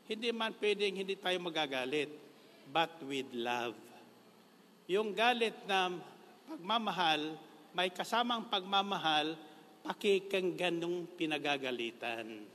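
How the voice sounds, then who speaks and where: A man's voice: sits high, bright, forceful tone, big-room sound, slight background noise. A Filipino-accented man preaching a sermon in a jokey way, laughing often and slipping English phrases in.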